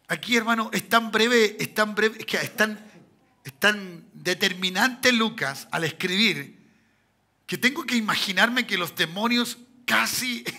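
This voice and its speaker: A man with a Chilean accent, a pastor preaching a sermon full of rhetorical questions to the congregation, with sudden shouted bursts. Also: sits high, creaky. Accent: Chilean Spanish.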